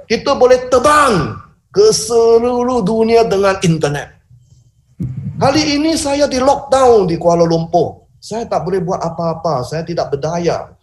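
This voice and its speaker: Guy from indonesia hyping up a business pitch over a video call, kinda high voice, fiery, jumps up and down in pitch. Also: animated, measured pace. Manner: fiery and emphatic, big swings in pitch and loudness, slips into English phrases. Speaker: business opportunity presenter. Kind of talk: rousing sales pitch to an online audience.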